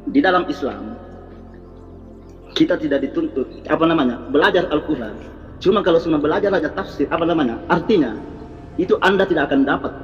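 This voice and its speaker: Seorang pria penceramah dalam debat panas, bicara ngotot dan mengulang-ulang poinnya. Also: male voice, a little high, fairly quick, long pauses, faint music behind. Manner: insistent, defensive, repeats his points. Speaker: Islamic preacher in a debate. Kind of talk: heated online debate. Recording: roomy, muffled call audio.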